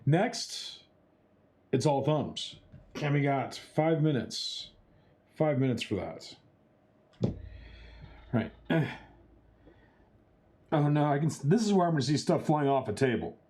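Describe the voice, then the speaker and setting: A man's voice: on the high side, animated, slow pace, pauses often, darkish tone. A young man streaming for charity, chatting with his chat while he works through a chopsticks challenge, narrating each step with playful exclamations. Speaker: charity livestreamer. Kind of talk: casual livestream chatter to chat.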